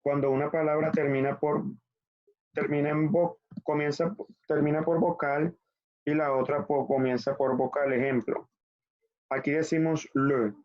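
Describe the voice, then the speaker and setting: A man teaching an online French class in Spanish, explaining patiently step by step and spelling letters out slowly. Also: medium pitch. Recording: muffled lo-fi online class audio.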